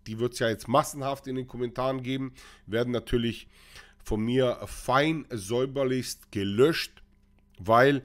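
A man, his pitch sitting right in the middle of the usual range. He rants with dry sarcasm and stops often to hesitate, like a casual vlogger talking to a desk camera. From Croatia. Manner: sarcastic, ranting, many hesitations. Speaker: vlogger and trucking company owner. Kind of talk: casual opinion vlog.

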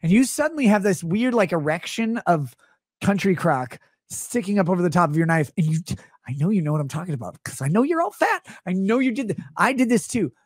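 Male streamer, 30s, high and bouncy delivery, sarcastic tangents, dry close-mic sound. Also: sing-song, fairly quick, no echo. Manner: sarcastic, rambling, jumps between voices. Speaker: streamer host. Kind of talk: comedic live-stream rant. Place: small home studio room, indoors. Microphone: close studio mic on stand.

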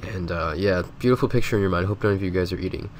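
A man's voice: sits low, fast talker, a little hiss or hum. A man with a stuffy, sick nose, casually rambling through a game commentary voice-over with lots of filler words. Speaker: gaming video host.

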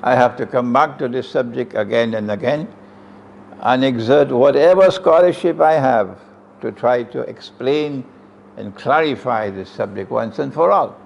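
A muffled recording with slight background noise captures an older Islamic lecturer from Trinidad, Trinidadian accent and all, at a stand mic close in front, in an indoor room with green chairs. His medium-pitched, creaky voice keeps a measured pace as he lectures emphatically, gesturing broadly and asking rhetorical questions.

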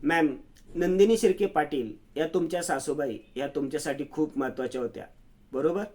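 A man's voice: on the high side, normal speed, darkish tone, natural voice. A man voicing an anxious, insistent young woman who keeps pressing with urgent questions. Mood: probing.

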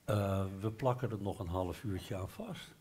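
An older Dutch man spins a lively, rambling story at a literary café, gesturing as he talks. He restarts his sentences and hesitates, then pushes on with real enthusiasm. He is miked on a headset on a bookshop stage. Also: lowish voice, unhurried. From Netherlands. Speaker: guest author. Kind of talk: live literary café talk. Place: bookshop stage before a live audience. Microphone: headset mic.

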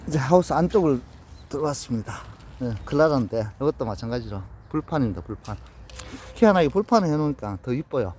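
A man's voice: mid-range voice, lively intonation, a little mellow, a little hiss or hum. Gyeongsang-accented man giving a greenhouse tour. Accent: Gyeongsang Korean. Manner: plain, unhurried, pointing things out. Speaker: plant grower showing his greenhouse. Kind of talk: casual walkthrough narration. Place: outdoors and in a greenhouse.

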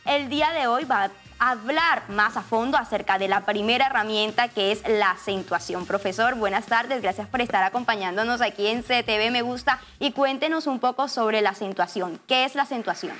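A woman's voice: on the high side, normal speed, hardly any pauses, a bit bright, faint music behind. A woman with a Colombian Spanish accent hosting a TV show, with an upbeat presenter delivery. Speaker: TV host. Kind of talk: TV show interview.

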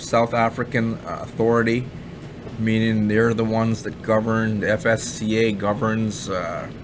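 A Canadian man talks casually and bluntly, looping back over his points and dropping the odd swear. His voice sits in the middle range. Steady background noise runs under his desk mic. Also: medium pitch. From Ottawa, Canada. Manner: blunt, rambling, repeats himself, swears. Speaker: online marketing reviewer. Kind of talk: casual screen-share commentary.

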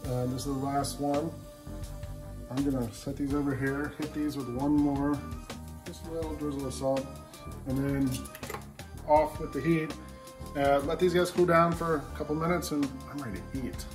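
A man in his thirties hosting a home cooking show, explaining each step in a relaxed way as he cooks in his kitchen. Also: a little high, moderate pace, pauses often, rough recording. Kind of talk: casual cooking demonstration. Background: background music.

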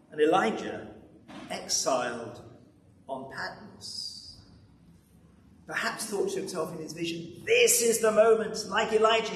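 Standing at the lectern of a big, echoing church, a high-voiced preacher aged 60 or older delivers his sermon very slowly and dramatically. He builds to forceful loudness, then falls to a hush. The mic catches him from a distance, along with some surrounding noise.

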